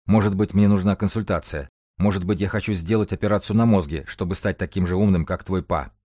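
A man's voice: low voice, fairly quick, warm tone, no room sound. A man reading a cheeky flippant young guy. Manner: mocking and flippant. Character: cheeky tanned young man, self-assured.

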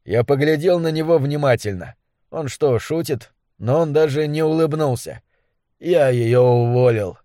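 A man narrates an audiobook in a measured, dramatic first-person reading. His voice sits a little high for a man, but its tone is dark and mellow. The recording is dry and close, with no room sound. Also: dry recording. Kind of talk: scripted narration.

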